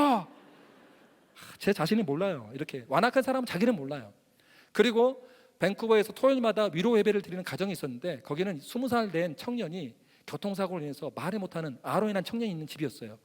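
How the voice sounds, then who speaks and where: A man in his forties preaches a testimony sermon with a high, bright-toned voice, rattling through his story at a brisk clip. He is animated, slipping into the voices of the people he quotes. A long reverb hangs on every phrase, as if from a large hall. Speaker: missionary preacher.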